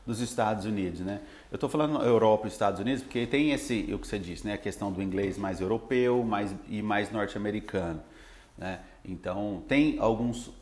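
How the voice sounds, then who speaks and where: A Brazilian man who teaches English, talking in a relaxed, rambling way with lots of fillers. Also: lowish voice, roomy sound. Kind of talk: casual podcast chat.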